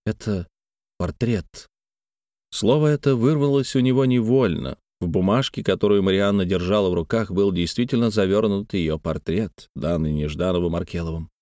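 Male audiobook narrator: low, measured, even delivery in a dry booth-like sound. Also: no room sound.

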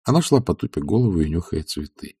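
A man narrates a classic novel for an audiobook in a calm, measured way. His voice is very low, dark and husky. The recording is dry, with no room echo. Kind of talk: literary audiobook reading.

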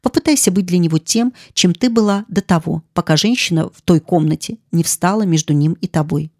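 Woman reading a grave young gentleman. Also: on the low side, no room sound, clean studio sound. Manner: grave, measured.

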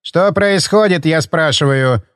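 A man's voice: fairly high pitch, measured pace, clear, resonant tone, no room sound, clean studio sound. A man reading an audiobook, voicing a domineering older hotel owner who barks and bullies. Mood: furious. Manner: barking, bullying, shouting.

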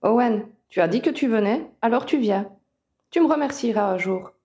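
A woman reading aloud and voicing a confident, teasing young male wizard, in a mellow voice. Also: a little high, expressive, moderate pace, dull audio, close to an everyday voice. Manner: teasing, cheerful insistence.

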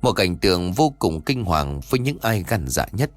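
A man's voice: low-pitched, normal speed, no room sound, faint music behind. A man narrating a scripted horror story and voicing its characters himself. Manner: lively, voices the characters' dialogue himself.

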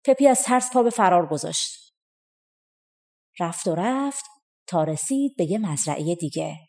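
A woman reading a folk tale audiobook in a gentle storytelling manner. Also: fairly low pitch, lively intonation. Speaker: audiobook reader.

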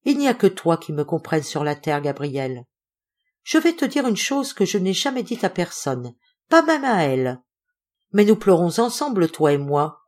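A woman's voice: on the low side, sing-song, moderate pace, darkish tone. A woman voicing a heartbroken ape-man. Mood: mournful. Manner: sad, tender and plaintive. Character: sorrowful lovesick male ape-man. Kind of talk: audiobook reading.

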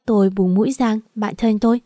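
A woman narrating a first-person story for an audiobook at an even, steady pace. Her tone is mellow and soft-edged, and the close recording is dry with no room sound. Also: medium pitch, fairly quick, no room sound.

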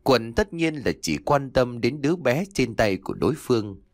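A man narrating an audio story in a dramatic, expressive storytelling manner. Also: mid-range voice, normal speed, no echo, clean studio sound. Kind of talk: scripted narration.

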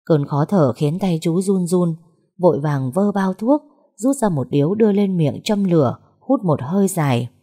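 A woman narrating a sad story in a slow, somber, measured way. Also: fairly low pitch, animated, mellow.

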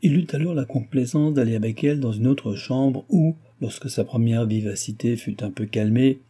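A man narrating a classic novel in a measured, even literary reading. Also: mid-range voice, husky. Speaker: audiobook narrator.

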